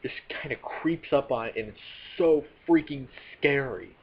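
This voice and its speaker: In a dull, slightly noisy lo-fi recording, a man with a medium-pitched voice loosely retells a movie's plot as a reviewer. He speaks unhurriedly, drifting along with plenty of fillers and self-corrections.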